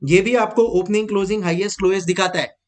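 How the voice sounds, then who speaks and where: A man gives an exam-prep lecture at a brisk, lively clip. He drills each point by repeating it and speaks to his students with fatherly warmth, calling them "beta". His voice sits fairly high for a man. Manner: lively, mixes English into Hindi, repeats key points, calls students "beta". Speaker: teacher.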